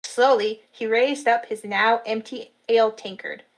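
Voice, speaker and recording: A woman narrating a fantasy story in a steady storytelling manner at a live reading. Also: on the high side, unhurried, low-quality recording.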